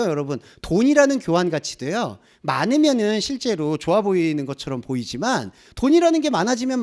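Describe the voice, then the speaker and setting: A man preaching a sermon as a pastor, asking the congregation rhetorical questions. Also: sits high. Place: church.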